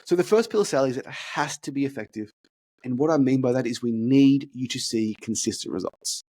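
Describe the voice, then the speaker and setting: A fitness business consultant casually breaks down a sales script on a podcast, role-playing sales calls while stuttering and repeating words. His voice is medium in pitch and a little mellow, and he speaks fairly quickly.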